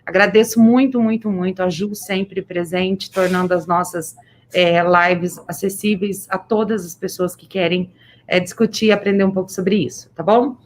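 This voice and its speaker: Brazilian woman, mid-pitched voice behind a face mask, emphatic and effusive livestream host talking informally to educators. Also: fairly even intonation, normal speed, slight background noise. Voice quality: slightly muffled, speaking through a face mask. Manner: effusive, emphatic, repeating words for stress. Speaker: municipal education official hosting a livestream. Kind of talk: informal livestream address to teachers.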